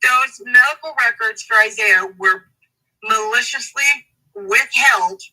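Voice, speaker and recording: A woman advocate in an interview, speaking emphatically and indignantly, slowing down to stress key words. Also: fairly high pitch, sharp tone, distant mic, low-quality recording. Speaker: advocate for a family in a custody case. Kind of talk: interview guest, reading court documents.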